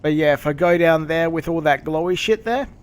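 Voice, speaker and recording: A man streaming a game, chatting casually and explaining things with swearing and halting pauses. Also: fairly high pitch, clear, resonant tone. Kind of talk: casual gameplay commentary and chat.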